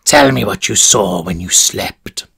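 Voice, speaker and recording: A man voicing a gleeful, sinister prison warden who whispers and mocks slowly. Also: low voice, expressive, vocal fry, a bit bright, husky, pitched below the performer's own voice, heavily acted. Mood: menacing. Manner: whispering, mocking, drawn-out.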